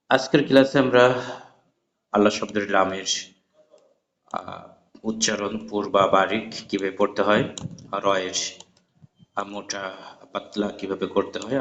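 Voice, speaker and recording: A man teaching a Quran recitation class, patiently spelling out letters and vowel marks, then chanting the words slowly. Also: lowish voice. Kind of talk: spoken lesson with chanted examples. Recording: echoey, dull lo-fi room recording.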